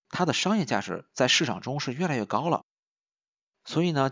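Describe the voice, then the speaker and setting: Lively male teacher slowly repeating words. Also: mid-range voice, no echo. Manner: slow, drawn-out repetition of example words; lively, chatty teaching with rhetorical questions. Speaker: language teacher. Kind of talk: recorded language lesson. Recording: dull, dry voice-over.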